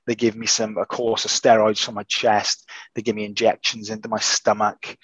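A man recovering from an illness, talking in casual chat as a podcast host, halting and restarting often. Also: on the low side, level tone, a bit bright, breathy edge, no echo, low-quality recording. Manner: hesitant, halting with many restarts.

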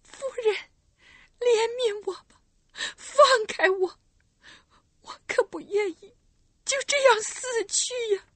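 A woman voicing a frightened young girl who pleads tearfully in a high voice. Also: takes it slowly, long pauses, no echo. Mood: tearful pleading.

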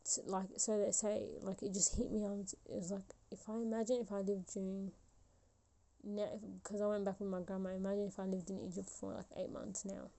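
A young woman in her twenties hosts her own podcast, rambling reflectively with lots of fillers and restarts. Her medium-pitched voice is flat and dark, and she talks a little fast.

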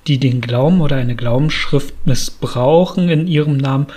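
A man giving a calm spoken analysis of a classic novel, explanatory and peppered with fillers. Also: medium pitch, moderate pace. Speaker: literature explainer.

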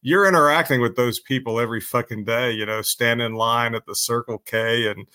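Man, co-host, rambling and profane, bright forceful voice, dry sound. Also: medium pitch, fairly even intonation, a little fast, clear, resonant tone, no echo. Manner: rambling, profane, full of fillers. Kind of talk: casual chat.

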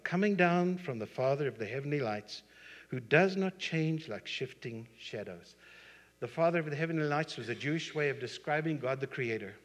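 Husky-voiced male pastor preaching. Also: mid-range voice. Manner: emphatic storytelling, swings from soft to loud. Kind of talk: sermon. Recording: husky voice in long hall reverb.

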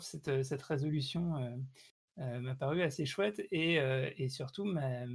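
A man's voice: mid-range voice, gravelly, breathy edge. A man co-hosting a casual podcast chat, talking with many fillers and laughing often. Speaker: podcast co-host.

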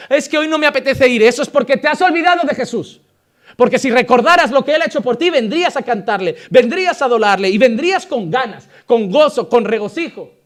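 Pastor guy preaching hard, really high voice for a man, keeps repeating himself to push the point. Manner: insistent, emphatic, repetitive. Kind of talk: sermon.

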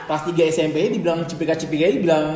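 A man's voice: fairly high pitch, fairly even intonation, rapid-fire, crowd noise. A man with a Jakarta accent chatting casually in a group, using Jakarta slang. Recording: echoey room, other voices chattering.

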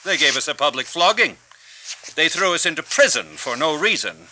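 Man doing a bold apostle, bright lively voice, indignant and preaching. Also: on the high side, normal speed, a little hiss or hum. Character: bold, fiery male apostle, prisoner. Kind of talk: radio drama acting.

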